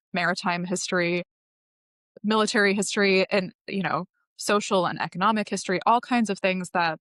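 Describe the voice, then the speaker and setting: Woman, podcast guest, lowish voice, enthusiastic, informative, long answers, dry sound. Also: a bit bright, no echo. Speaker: tour company guest. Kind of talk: podcast interview.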